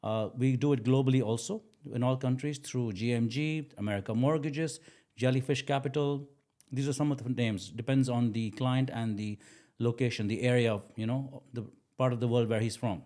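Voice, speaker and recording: A man in his forties from Dubai, a mortgage consultant speaking as a guest in a casual interview, relaxed and self-deprecating. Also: medium pitch, normal speed. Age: 40s.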